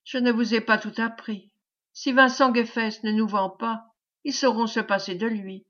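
A woman reading an audiobook, voicing a frightened but brave young woman who pleads in anxious, hushed tones. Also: on the high side, little pitch movement, normal speed, lightly acted. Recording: dull lo-fi recording.

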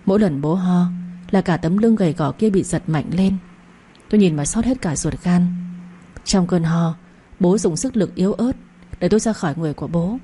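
A woman's voice: fairly low pitch, moderate pace, dark tone, breathy edge. A woman giving earnest, heartfelt first-person narration of a story.

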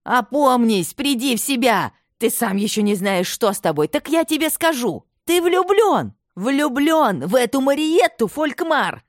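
A woman voicing an imperious, domineering aristocratic mother who scolds in a shrill, commanding tone. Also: big pitch swings, moderate pace, darkish tone, no room sound, studio quality. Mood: furious.

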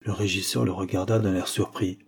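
A man narrating a detective story as an audiobook, in a measured storytelling manner. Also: low-pitched, little pitch movement, vocal fry, slightly rough.

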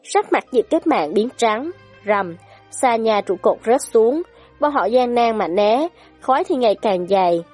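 A woman reads a story aloud in a light, breathy voice that rises and falls with lively expression. Her delivery is dramatic and scripted, with faint music underneath. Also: fairly high pitch, unhurried. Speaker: audiobook narrator.

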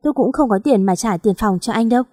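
A woman narrating a first-person audio story in a steady, plain storytelling read. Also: on the high side, quick pace.

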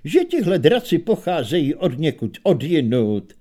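A man voicing a curious inventor who explains things in a calm, conversational, self-assured way. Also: on the high side.

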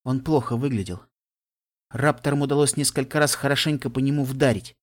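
A man narrating a first-person fan audiobook in an emotional way, swinging between hushed and urgent. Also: mid-range voice, steady tone, brisk.

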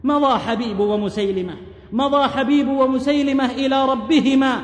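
High voiced guy preaching a fiery storytelling sermon, big echoey hall. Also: moderate pace. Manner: rhetorical, oratorical, quotes verse. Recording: echoey hall with long reverb.

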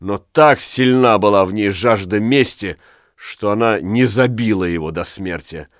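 A man's voice: lowish voice, a little slow, no room sound, studio quality. A man narrating a folk tale audiobook with dramatic storytelling.

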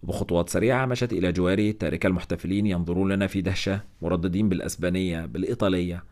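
A man narrating a first-person novel in an expressive storytelling manner, with wry asides. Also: sits low, very fast. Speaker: audiobook narrator.

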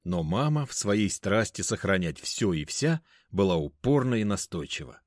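A man reading a first-person story aloud in a wry, expressive way. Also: fairly low pitch, normal speed, dry recording, clean studio sound. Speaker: narrator. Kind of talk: first-person audiobook narration.

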